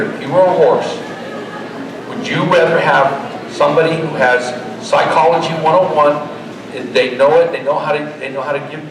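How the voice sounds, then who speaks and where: Folksy showman in an echoey expo hall. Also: fairly high pitch. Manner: folksy, joking, motivational showman. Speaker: horse trainer giving a live demo. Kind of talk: live demonstration and pitch to an audience. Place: large indoor horse expo arena. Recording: echoey expo hall, distant, crowd noise. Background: crowd.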